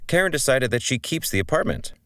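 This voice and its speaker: A man's voice: mid-range voice, very animated, fast, fairly bright tone, no echo, clean studio sound. A man playing a sitcom lead, talking in an awkward, hesitant way. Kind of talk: sitcom acting.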